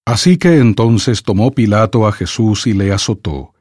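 A man reading scripture aloud for an audiobook in a measured, solemn way. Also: on the low side, darkish tone, husky, no echo, studio quality. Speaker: scripture reader.

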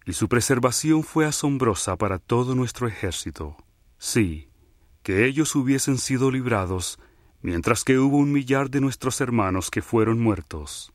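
A man giving a slow, measured and reverent scripture reading. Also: on the low side, dry recording, studio quality. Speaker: scripture reader.

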